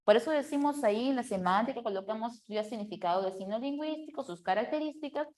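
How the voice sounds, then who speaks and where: A woman's voice: a little high, expressive, fast, darkish tone. A woman teaching a class, explaining step by step and often checking that the students follow along. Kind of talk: classroom lecture.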